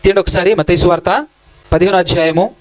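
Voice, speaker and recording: A man's voice: high voice, quick pace, rough recording. A male preacher with a Telangana Telugu accent, giving a sermon in a church and questioning and scolding the congregation directly. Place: church hall.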